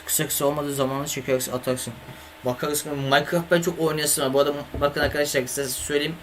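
A man's voice: on the high side, level tone, fairly quick, a bit bright, slight background noise. A young man streaming games live, chatting casually with viewers and grumbling at his computer, from a home setup on a desk microphone. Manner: swears and grumbles at the computer, talks to chat. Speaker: gaming streamer.

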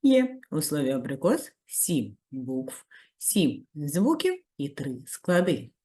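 A female primary school teacher giving a video lesson to children, praising warmly and giving step-by-step tasks. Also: slow pace. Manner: very lively pitch, rising high on praise.

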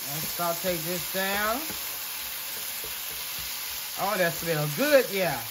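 Slow, relaxed, congested man cooking. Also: sits high, heavy background noise. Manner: relaxed, chatty, talks to viewers as y'all. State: congested, coughing. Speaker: home cook. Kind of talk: casual cooking video narration. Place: home kitchen, indoors.

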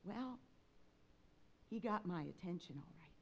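A woman pianist giving a public talk from a stage, telling a personal story in a dramatic, animated way. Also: on the low side, unhurried, lo-fi sound, a little hiss or hum. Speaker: speaker, concert pianist. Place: stage talk before an audience.

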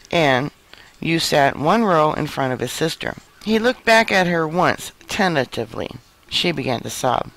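A man reads a news report in an even, measured way. His voice sits a little higher than most men's, and he keeps a scripted narrator's delivery throughout. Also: rough recording. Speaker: news reader.

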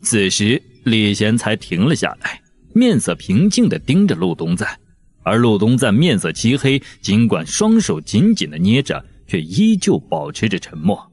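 A man narrating a novel as an audiobook with expressive storytelling. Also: fairly low pitch, normal speed, slightly rough.

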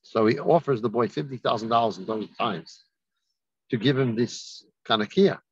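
A man giving a rabbi's holiday message, telling a story in an unhurried way and lifting his voice for the people he quotes. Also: medium pitch, husky, no room sound, dull audio. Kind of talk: sermon with storytelling.

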